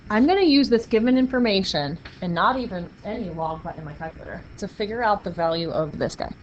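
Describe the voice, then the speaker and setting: Animated and fast, a woman with a medium-pitched voice runs her math lecture in an upbeat, playful, encouraging manner. The classroom recording is muffled, with faint noise in the background.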